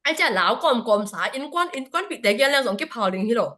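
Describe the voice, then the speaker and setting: A woman's voice: high-pitched, lively intonation, rapid-fire, pushed and bright. A woman speaking at a church prayer fellowship service, giving a spoken report to the congregation with frequent hesitation fillers.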